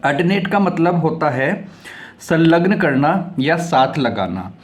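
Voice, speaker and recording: A man with a slightly raised pitch teaches English vocabulary in an explanatory way. He spells each word letter by letter, repeats it several times, and reads example sentences slowly. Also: animated. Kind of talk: vocabulary lesson.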